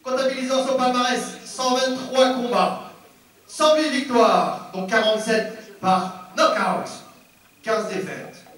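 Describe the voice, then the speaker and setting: High, forceful male fight announcer, echoing. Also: takes it slowly. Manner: booming showmanlike delivery, like a fighting game announcer. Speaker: ring announcer at a kickboxing event. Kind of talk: fight announcer introductions, names drawn out and shouted. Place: indoor fight venue over PA system. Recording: very echoey arena PA, distant.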